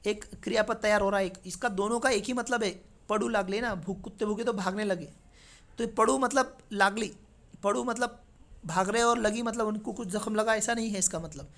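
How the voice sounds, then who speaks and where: A man's voice: high voice, moderate pace, a bit bright. Male teacher, chatty. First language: Marathi. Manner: conversational, checks in with frequent tag questions. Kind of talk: exam paper walkthrough lesson.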